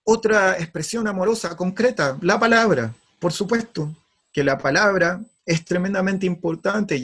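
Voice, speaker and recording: A man's voice: medium pitch, vocal fry. A man giving an earnest, emphatic spiritual talk. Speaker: spiritual speaker.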